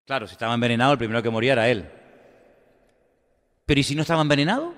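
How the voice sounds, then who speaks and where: A man preaching a sermon in a conversational storytelling manner, swinging between loud emphatic lines and quiet asides. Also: medium pitch, very fast. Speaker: pastor. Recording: long hall reverb.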